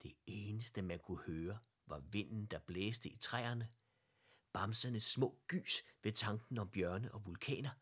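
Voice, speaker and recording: A man narrating a children's audiobook in a gentle, lively read-aloud voice. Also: lowish voice, husky. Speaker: storyteller.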